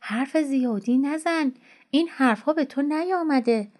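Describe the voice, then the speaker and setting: A woman voicing a stingy, bad-tempered rich master who shouts harshly at everyone. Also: high voice, voice pushed up, lightly acted. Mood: angry.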